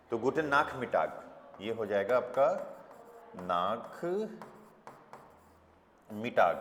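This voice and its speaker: A man teaching a language class, explaining slowly and patiently and often checking that students follow. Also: fairly high pitch, slight background noise. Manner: slow, patient explaining with frequent check-ins. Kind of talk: classroom lesson. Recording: echoey hall with long reverb.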